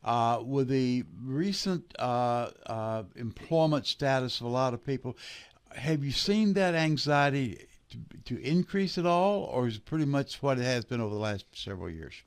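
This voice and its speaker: Tennessee accent guy cohosting radio, medium pitch, easygoing folksy questions. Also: expressive, moderate pace, smooth. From Tennessee, United States. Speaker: radio co-host. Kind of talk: casual interview questioning.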